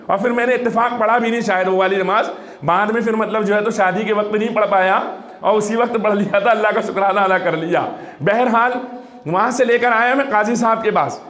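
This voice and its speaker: A man's voice: high-pitched, fairly even intonation, fairly bright tone. A male preacher giving a storytelling sermon to a gathering, acting out the dialogue in his story and urging listeners to reflect. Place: religious gathering with audience. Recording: echoey room.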